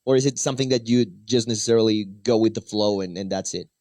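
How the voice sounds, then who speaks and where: Radio host, dry booth sound. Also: male voice, on the low side, darkish tone, no echo. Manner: halting, repeats words while asking long questions. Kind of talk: bilingual radio interview.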